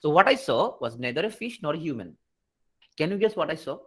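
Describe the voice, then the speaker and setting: A man teaching English grammar in an online class, reading English sentences slowly and translating them, with frequent checks like "right?". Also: on the high side, sing-song, a bit bright, slightly rough. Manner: explains in a question-and-answer rhythm, repeating and checking understanding.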